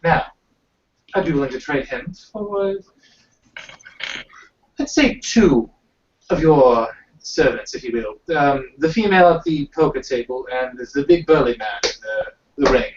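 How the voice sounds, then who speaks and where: A man voicing a wealthy, pompous male merchant with a put-on British accent, haggling in a smooth, courteous way. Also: mid-range voice, animated, measured pace, long pauses, slight background noise, close to an everyday voice. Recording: roomy, distant, dull amateur recording.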